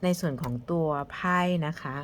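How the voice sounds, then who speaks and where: A woman casually reviewing a tarot deck, chatty and soft-spoken, sometimes dropping into a whisper as she handles the cards. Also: moderate pace, slight background noise.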